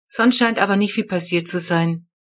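A woman's voice: fairly low pitch, normal speed, fairly bright tone. A woman reading a storybook, voicing an old male neighbor who speaks in a dry, matter-of-fact way.

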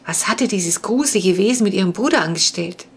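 A woman narrating a children's storybook aloud, expressive and suspenseful. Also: mid-range voice, brisk, breathy edge. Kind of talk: audiobook reading.

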